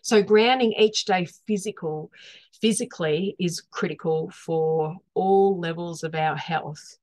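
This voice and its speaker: A woman with a slightly low-pitched voice speaks as a wellness teacher. She explains things informally and earnestly, stressing key words and pausing to reword her phrases. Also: a little mellow.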